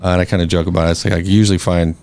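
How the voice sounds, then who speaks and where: A man with a low, creaky, slightly mellow voice races along in a flat delivery. He's a scholarship foundation board president guesting on a casual podcast, talking things through reflectively and easily, with many fillers and restarts.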